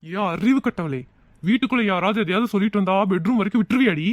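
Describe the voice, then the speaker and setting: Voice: mid-range voice, animated, fast, no room sound, natural voice. Someone playing an exasperated young husband. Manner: scolding, exasperated. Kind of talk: family comedy skit.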